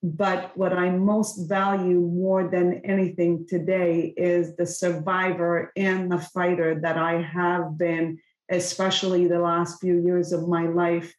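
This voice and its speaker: A woman's voice: lowish voice, flat delivery, slow pace, darkish tone. A woman in her fifties from Lebanon, speaking, telling her personal story candidly and earnestly as a podcast guest. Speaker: guest, company executive. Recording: roomy echo.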